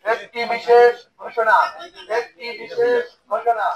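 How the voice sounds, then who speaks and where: A man reading out an official public announcement in a formal, monotone proclaiming manner. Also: very high-pitched, measured pace, dull audio, a loud crowd, very noisy.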